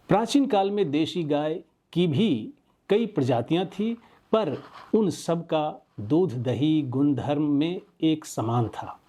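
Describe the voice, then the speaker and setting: A man giving scripted narration as a presenter, in a measured and earnest way. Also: on the high side, dark tone, breathy edge.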